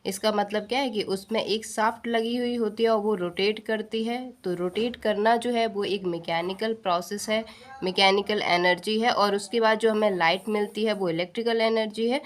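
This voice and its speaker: An Indian woman with a medium-pitched voice teaches an exam-prep science lesson. She poses questions and answers them herself, repeats key points, and mixes in English technical terms.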